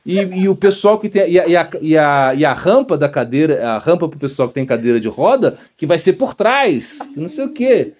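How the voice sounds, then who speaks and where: A monk gives an informal spiritual talk full of rambling anecdotes, acting out the people he quotes and laughing often. His fairly high, sing-song voice is darkish in tone and a little fast, with hardly any pauses.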